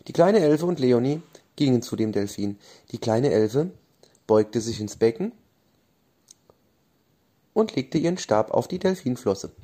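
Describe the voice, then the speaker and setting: Male bedtime storyteller, mellow tone, lively sing-song pitch. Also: unhurried, pauses often.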